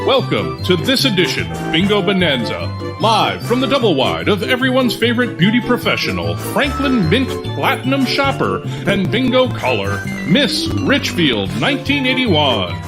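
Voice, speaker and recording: A man's voice: high voice, huge pitch swings, moderate pace. A man announcing a live bingo show with grand, theatrical ballyhoo, introducing the bingo caller. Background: loud music.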